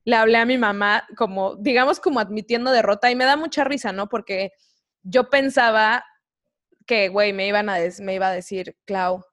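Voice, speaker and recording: A woman's voice: medium pitch, steady tone, normal speed, a bit bright. A young woman with a Mexican accent tells a personal story in a candid, slang-heavy podcast chat. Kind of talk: casual chat.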